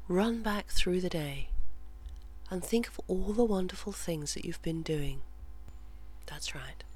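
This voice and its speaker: A person softly delivering guided relaxation and verse in a soothing, measured way, slipping in and out of a whisper. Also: mid-range voice. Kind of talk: slow guided relaxation and soft poetry reading, often whispered. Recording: clearly audible hum and background noise.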